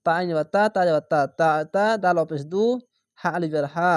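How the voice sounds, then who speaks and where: A man teaching Quran reading, spelling each word letter by letter and then stretching out the whole word slowly. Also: a little high, fairly even intonation, no room sound, clean studio sound. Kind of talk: spelling-out recitation lesson.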